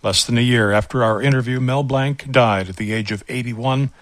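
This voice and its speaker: A man hosting and narrating a feature segment in a measured, scripted broadcast delivery. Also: medium pitch. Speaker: show host and narrator.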